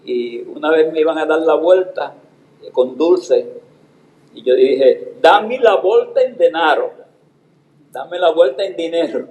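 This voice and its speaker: A man's voice: on the high side, unhurried. Man, 80s, Puerto Rican Spanish accent, retired drama teacher, theatrical declaiming storyteller, raised voice, echoey stage. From Puerto Rico. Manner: theatrical, declaiming with expressive intonation. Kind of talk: anecdotal storytelling performance with recited poetry.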